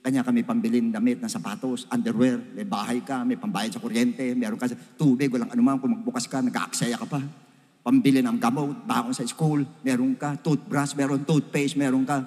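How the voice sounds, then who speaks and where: An older man, a pastor, giving a Father's Day sermon as a story, swinging between loud emphatic peaks and low hushed asides. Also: steady tone, a little fast. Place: church hall. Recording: reverberant church hall.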